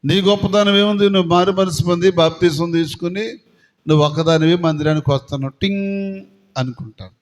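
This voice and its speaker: Speaking a little fast in a high voice, a pastor questions his congregation and performs the voices of characters from the story in his sermon. The prayer hall gives the recording a long reverb.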